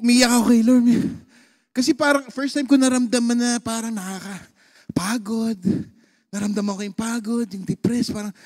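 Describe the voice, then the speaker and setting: A male pastor with a Filipino accent, preaching a sermon and telling a personal story, mixing Tagalog and English. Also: very high voice. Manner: animated storytelling, switching between Tagalog and English.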